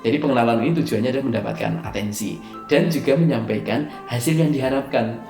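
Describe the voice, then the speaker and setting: Gravelly guy doing a slide lecture on presenting, lots of uh fillers, punches key words, echoey room. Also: mid-range voice, quick pace, darkish tone. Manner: explanatory, hesitant fillers, stresses key words. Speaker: presentation skills trainer. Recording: echoey room, faint music underneath.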